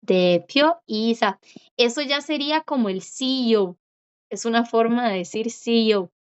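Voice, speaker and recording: Lady teaching korean, patient, slowish, kinda muffled audio. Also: a little high, clean tone. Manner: patient, repeats words slowly, checks with "¿verdad?". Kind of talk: online class explanation. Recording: dull lo-fi audio.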